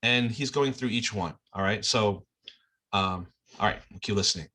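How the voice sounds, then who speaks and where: Bright-voiced man explaining a clip to a class. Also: lowish voice, moderate pace. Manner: talks in loose restarts and checks in with "okay?" and "all right?". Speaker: teacher presenting an online class. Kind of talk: casual explanatory commentary over a played clip.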